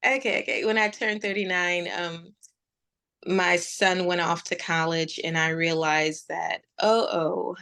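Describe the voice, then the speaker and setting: A woman in her forties, a meditation teacher appearing as an interview guest, tells her story conversationally with reflective, halting pauses. Her voice is low, steady, bright, forceful, and smooth, with some vocal fry.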